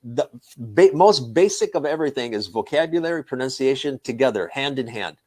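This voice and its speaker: A middle-aged man from the northern United States with a Midwestern American accent, an English instructor calmly explaining in short, repeated points. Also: mid-range voice, brisk. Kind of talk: casual conversation.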